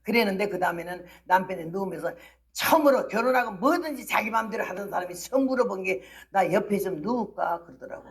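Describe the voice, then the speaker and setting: A woman missionary telling her own story at a dawn church service. She tells it vividly, acts out the people in it, and breaks into shouts and laughter. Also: mid-range voice, fast talker. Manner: lively storytelling, acting out the people she quotes. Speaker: missionary preacher. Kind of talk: dawn-service testimony sermon.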